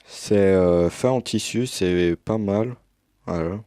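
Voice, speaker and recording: A man's voice: deep voice, slow pace, mellow, dry recording. A young man casually commenting as he unboxes a game edition, hesitant with many fillers, recorded on a headset mic. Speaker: unboxing youtuber.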